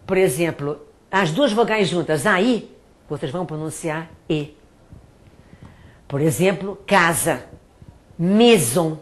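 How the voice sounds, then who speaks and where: A middle-aged woman from Brazil, a French teacher and author, giving pronunciation tips and repeating words slowly to demonstrate them. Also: low voice. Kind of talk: spoken language tips to students.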